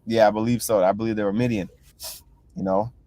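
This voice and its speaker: A man's voice: lowish voice, steady tone, fairly quick, warm tone, no room sound. A man leading a casual bible class, reading verses aloud and retelling them loosely, with constant "you know" and "right?" check-ins. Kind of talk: casual scripture teaching.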